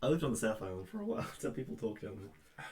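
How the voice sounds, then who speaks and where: A man's voice: lowish voice, very animated, fast, mellow. A man, co-hosting a casual livestream while painting miniatures, reading out chat messages and laughing often. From New Zealand. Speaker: livestream co-host.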